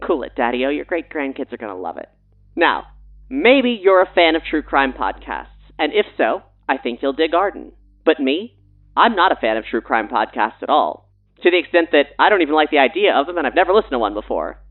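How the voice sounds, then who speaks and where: On a mock radio show, a woman who's a showrunner and writer delivers breezy, pushy, playful promo banter as a guest. Her deep voice is very animated and a little fast, carried over phone-quality sound.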